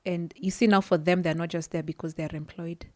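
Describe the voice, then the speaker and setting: Her voice sits on the low side, with fairly even intonation and a slightly quick pace, and there's no room sound. As a podcast guest who works in psychology, she earnestly recounts her own experiences. Words don't come easily, so she restarts often.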